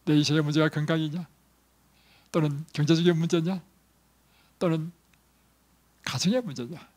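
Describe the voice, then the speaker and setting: A man preaching a sermon who swings from hushed, whispered lines to loud, emphatic calls. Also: a little high, fairly even intonation, normal speed. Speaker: pastor.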